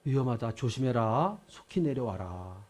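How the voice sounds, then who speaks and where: An older pastor voicing a gentle, tender male Lord who speaks in a soft, reassuring tone. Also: medium pitch, big pitch swings, moderate pace, pitched below the performer's own voice.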